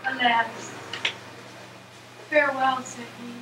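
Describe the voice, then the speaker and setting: A woman playing a melancholy poet-heroine, declaiming theatrical monologues with deliberate phrasing. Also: sits high, fairly even intonation. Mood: mournful, reflective. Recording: echoey, noisy, distant room recording.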